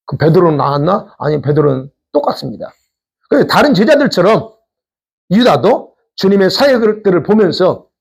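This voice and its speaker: A man's voice: on the high side, creaky, husky. A man pastor preaching a sermon in a conversational way, posing questions to the congregation. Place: church sanctuary.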